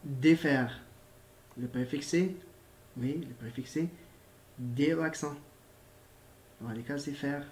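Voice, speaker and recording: In an echoey room, a male primary school teacher records a grammar lesson, patiently repeating himself, spelling out letters and filling pauses with hesitations. His voice is medium-pitched and mellow.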